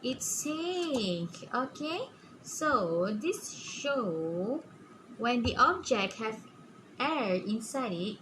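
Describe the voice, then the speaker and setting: A woman teaching a simple step-by-step preschool lesson like a kids show host, haltingly, often asking questions and checking in with "okay?". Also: fairly high pitch. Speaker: preschool science teacher presenting a demonstration. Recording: clearly noisy room recording.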